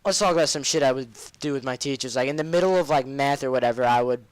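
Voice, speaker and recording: A man's voice: mid-range voice, fast talker, clean tone, no echo. Rambling, cussing gaming commentator guy. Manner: rambling and profane, drifts off topic. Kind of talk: casual game commentary and storytelling.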